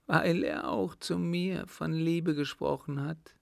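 A man reading an audiobook, voicing a distraught young woman who sobs and chokes out her words in a high voice. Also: steady tone, very slow, vocal fry, warm tone, no echo, studio quality, heavily acted. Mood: sobbing. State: sobbing. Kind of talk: audiobook character voice.

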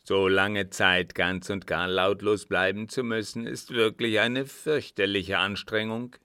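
A man reading a storybook voices a brusque, scheming former French captain who curses and speaks low and forcefully. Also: fairly even intonation, unhurried, no room sound, clean studio sound. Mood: gruff. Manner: gruff, brusque, cursing.

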